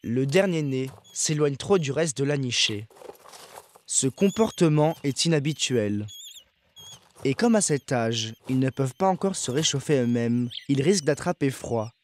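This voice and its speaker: A man narrating a nature documentary from a script, in a measured, factual, observational manner. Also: medium pitch, lively intonation, a little mellow.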